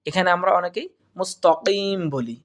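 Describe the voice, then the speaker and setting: A man teaching correct pronunciation of Quranic recitation, explaining patiently and drawing out each word slowly for practice. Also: sits high, expressive. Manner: slow, drawn-out recitation of words, repeated for practice. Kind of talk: tajweed pronunciation lesson.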